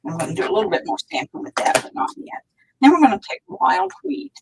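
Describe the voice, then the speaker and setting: Fast and slightly high with big pitch swings and vocal fry, a woman hosts a live craft tutorial over background noise. She stamps as she chats and thinks aloud, sometimes dropping to a near whisper when her hands are busy.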